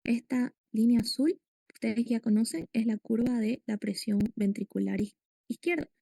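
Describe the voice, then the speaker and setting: A woman's voice: on the high side, normal speed, vocal fry, mellow, husky, no room sound. A woman giving a medical lecture, explaining step by step and quizzing her students. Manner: explanatory, asks students questions.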